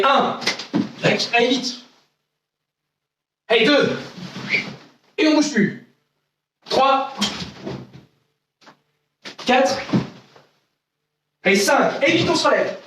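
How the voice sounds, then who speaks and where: Male karate instructor leading children through drills, high voice, heard from off-mic in a very echoey room with faint noise. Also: fairly bright tone, far from the mic. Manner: counts out exercises, repeats "d'accord?". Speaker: karate teacher. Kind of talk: online kids' karate class.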